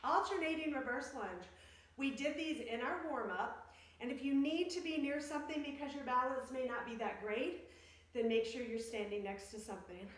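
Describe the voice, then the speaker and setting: A woman's voice: high-pitched, moderate pace. A woman fitness instructor leading an exercise class, giving step-by-step cues and counting reps in short phrases. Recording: very echoey room, distant microphone.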